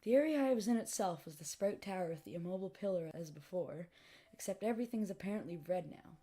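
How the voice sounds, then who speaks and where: A woman narrating a scripted horror story, reading dramatically with phrases that tail off softly. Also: on the low side, expressive, quick pace. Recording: music behind the voice. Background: music.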